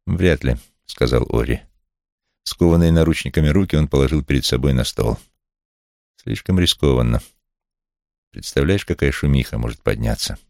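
Guy reading as a jailed detective, very deep gravelly voice, low and hushed, audiobook. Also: lively intonation, normal speed, pauses often, no echo, clean studio sound, heavily acted. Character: jailed male private detective, tense and guarded.

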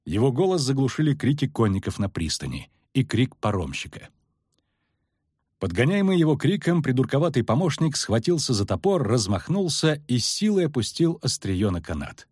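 Male audiobook narrator, husky tone, animated intonation, dry close mic, faint music bed. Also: no room sound. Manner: expressive, dropping low and quiet for tension. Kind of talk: dramatic fantasy audiobook narration. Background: faint background music.

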